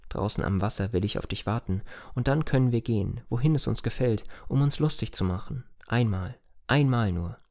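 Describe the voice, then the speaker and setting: A tender, lively young village girl from an audiobook tale, as a male reader puts her on. She pleads in a raised, eager voice, lifted well above the reader's low, mellow tone. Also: fairly quick, few pauses, lightly acted. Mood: hopeful.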